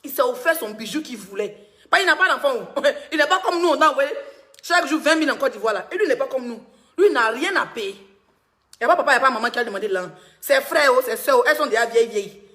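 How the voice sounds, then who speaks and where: A woman's voice: high voice, animated, fast talker, a bit bright. A woman blogger, giving teasing gossip commentary on a live stream and laughing often.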